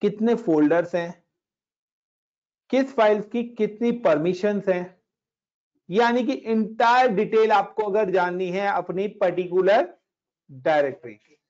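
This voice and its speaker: A man's voice: high-pitched, darkish tone. Chatty Hindi-speaking male Linux tutor, lo-fi. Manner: chatty, talks students through steps, mixes in English words. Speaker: Linux instructor. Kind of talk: casual screen-share class explaining commands. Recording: dull lo-fi recording.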